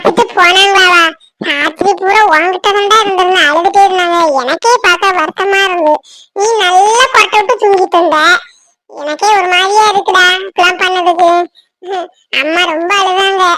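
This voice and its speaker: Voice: very high-pitched, steady tone, fairly quick, sharp tone. A performer voicing a hot-tempered young husband faking an injury in a cartoon, talking snappily. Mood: snappy. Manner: snappy, scolding. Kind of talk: cartoon voice acting.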